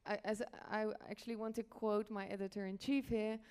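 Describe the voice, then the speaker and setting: Presenting on a conference panel, a Dutch woman who works as an editor has a smooth, clear, medium-pitched voice with a darkish tone and flat delivery. She speaks haltingly, pausing and rewording as she explains.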